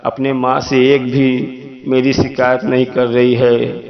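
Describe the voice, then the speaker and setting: A man's voice: mid-range voice, completely flat delivery, slow pace, creaky, lo-fi sound. A man voicing an older mother-in-law who is ashamed and tearful over how she treated her daughter-in-law, in his own everyday voice.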